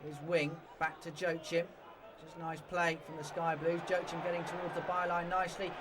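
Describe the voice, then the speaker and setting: A man commentating football match highlights, rising to excited shouts at the goals. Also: normal speed, recorded from a distance. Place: football stadium commentary position. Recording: broadcast with loud crowd noise. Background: loud stadium crowd.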